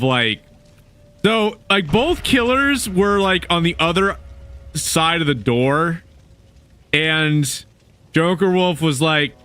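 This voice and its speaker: Bright-voiced young man streaming a game. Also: a little high, clean tone. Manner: laughs often, chats with viewers. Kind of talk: casual gaming stream chat.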